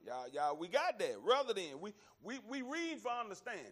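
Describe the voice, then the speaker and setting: High-pitched, animated preacher man. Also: brisk. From Alabama, American South. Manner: folksy, emphatic, repeats phrases, often addresses listeners as y'all. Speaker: preacher leading a Bible study. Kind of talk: conversational sermon and Bible teaching.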